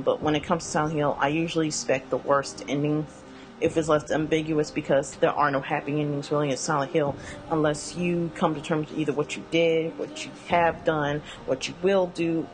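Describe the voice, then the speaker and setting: Low-voiced woman rambling through a game rundown. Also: slight background noise, rough recording. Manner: rambling, many fillers and self-corrections. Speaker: video game commentator. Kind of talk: casual spoken character rundown.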